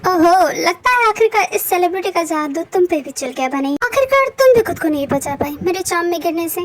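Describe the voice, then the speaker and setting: A woman's voice: extremely high pitch, lively intonation, a little fast. A woman voicing a cocky young male celebrity student in a fan dub, who needles in a smug way.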